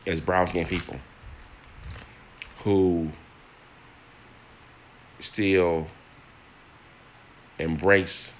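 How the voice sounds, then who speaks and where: A man's voice: sits low, steady tone, extremely slow, pauses often, a little hiss or hum. An older man in a personal monologue, earnest and plain-spoken, often repeating words and restarting as he speaks to listeners.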